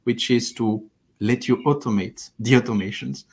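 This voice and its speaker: A man's voice: mid-range voice, steady tone, normal speed, gravelly. A man in his thirties from France, explaining thoughtfully with frequent restarts as a platform engineering lead, on a headset over a video call from his living room. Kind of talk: livestream interview.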